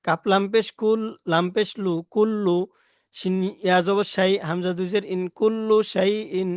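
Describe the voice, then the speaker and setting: High-voiced Bangladeshi man drilling Arabic letters. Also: steady tone, clean tone, no room sound, clean studio sound. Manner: slow, repetitive drilling. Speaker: Quran recitation teacher. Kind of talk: spelling out Arabic letters and vowel marks to teach tajweed.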